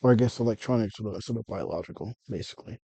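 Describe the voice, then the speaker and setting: A man's voice: on the low side, rapid-fire, vocal fry, warm tone, breathy edge, no room sound. A man talking through his feelings in a meandering personal monologue, often correcting himself and swearing. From United States. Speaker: vlogger.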